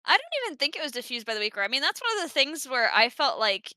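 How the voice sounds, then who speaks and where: A woman co-host arguing her points in animated, casual gaming chat. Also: sits high, quick pace, no room sound, studio quality. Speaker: podcast co-host.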